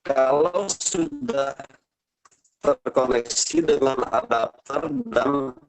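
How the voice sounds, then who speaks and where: A man presenting technical details in an online work meeting, talking in a halting way with many fillers, his voice coming through glitching and choppy on a phone connection. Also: medium pitch, very animated, creaky. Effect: glitching, choppy audio from a phone connection. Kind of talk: technical explanation on a video call. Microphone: phone on a video call. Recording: dull lo-fi phone call audio.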